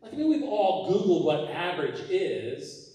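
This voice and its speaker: A man doing a stand-up comedy set on a theater stage, with a halting, deadpan delivery full of fillers. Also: high-pitched. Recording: roomy hall sound from a distance. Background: audience laughing.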